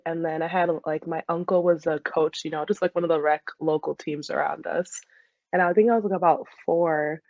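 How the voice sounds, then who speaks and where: Deep and darkish, the voice belongs to a woman in her twenties being interviewed; she's a dental student who plays soccer. The casual, easygoing chat has no echo, though the audio sounds slightly muffled.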